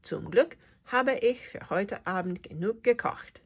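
A woman's voice: medium pitch, lively intonation, measured pace, husky, pitched above the performer's own voice. A woman doing a scolding mother mouse. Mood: tender. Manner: grumbling, then warm. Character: caring mother mouse, scolding but kind.

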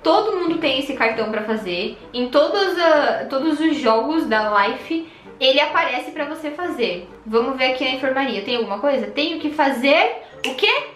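A young Brazilian woman giving excited, chatty commentary on her own gameplay, shrieking at surprises and muttering through tasks. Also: high-pitched, moderate pace, echoey room. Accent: Brazilian Portuguese. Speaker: gaming youtuber.

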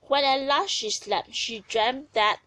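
A woman narrating a children's story aloud in a gentle, expressive way. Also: high-pitched, slow, dry recording, low-quality recording.

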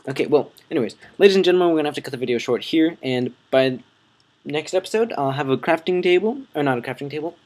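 Young man, gaming vlogger, breathy voice, rambling, self-correcting, desk mic. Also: fairly high pitch, lively intonation, quick pace, a little mellow. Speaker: gaming channel host. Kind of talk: rambling gameplay commentary.

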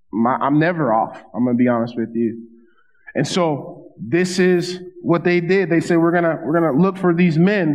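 A man's voice: medium pitch, a little mellow. Man preaching in a reverberant church. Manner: conversational preaching with asides and repeated phrases. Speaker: pastor. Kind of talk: sermon. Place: church stage at a wooden pulpit. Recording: dull sound with long hall reverb.

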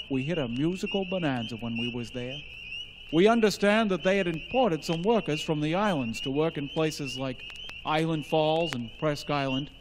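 A man from a band giving a comic spoken intro with deadpan, tall-tale jokes. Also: fairly high pitch. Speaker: band member. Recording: long reverb with noise behind.

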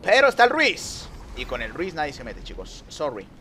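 A young man giving lively gameplay commentary, talking to viewers and teasing rivals. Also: fairly high pitch, moderate pace, slight background noise. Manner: excitable, talks to viewers and rivals, trash-talks. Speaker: gaming youtuber.

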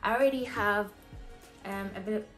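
A young woman, slightly hoarse from a cold, chats her way through a casual step-by-step hair tutorial in her living room, with plenty of ums and restarts. Her voice is medium-pitched and moderately paced. She's filmed by a camera at desk distance in front of her, in an echoey room with soft music behind.

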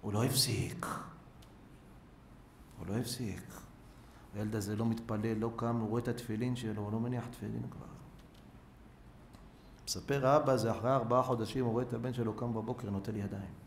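A man preaching as a rabbi, spinning a parable with dramatic swings from loud calls to near-whispers. His mid-pitched voice rings through a roomy synagogue hall over a faint background noise. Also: steady tone. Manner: dramatic storyteller, swings between loud cries and hushed asides. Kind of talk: sermon with storytelling.

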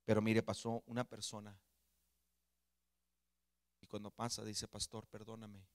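A man preaching a sermon as pastor, swinging from loud animated bursts to near-murmured storytelling. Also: on the low side, a little slow, clean tone, dry recording, clean studio sound. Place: church sanctuary.

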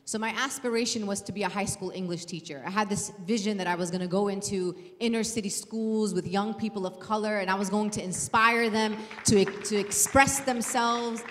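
A woman gives a passionate, emphatic talk on a panel. Her voice, at an ordinary pitch for a woman, comes through a handheld mic. A long hall reverb hangs around every phrase. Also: fairly even intonation, normal speed, few pauses. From New York City. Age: 30s. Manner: earnest, emphatic, gestures while speaking. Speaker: panel speaker. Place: event hall, indoors.

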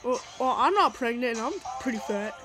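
A woman's voice: a little high, lively intonation, fairly quick, lightly acted, poor audio. A woman voicing a goofy male creeper dad who rambles and jokes, with pop music playing behind. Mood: joking. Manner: silly, rambling, joking.

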